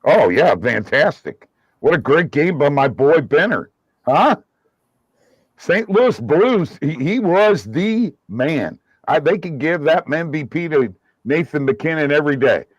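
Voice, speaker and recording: A man's voice: on the high side, big pitch swings, a little slow, breathy edge, no echo. A man chats about sports, his voice muffled and dull as if it came through a wall. The sound is dry and close, with no room around it. He talks with easy, upbeat enthusiasm. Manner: chatty, enthusiastic about hockey. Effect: muffled, as if heard through a wall. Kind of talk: casual sports chat. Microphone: remote call. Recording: dull muffled remote call line.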